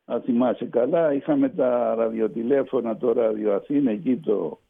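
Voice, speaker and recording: A man's voice: mid-range voice, vocal fry, husky. Older man telling a seafaring tale by phone. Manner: lively storyteller, halting restarts. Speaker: retired ship's officer, guest. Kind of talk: telling a personal anecdote. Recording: tinny phone line on radio.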